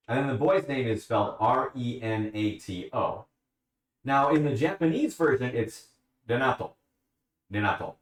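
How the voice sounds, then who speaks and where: A man's voice: mid-range voice, distant mic. Chatty male streamer in an echoey room. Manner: chatty, reads and answers chat questions. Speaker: livestreamer. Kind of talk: casual live-stream chat. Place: at home, bathroom with a bathtub. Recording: echoey room, away from the mic.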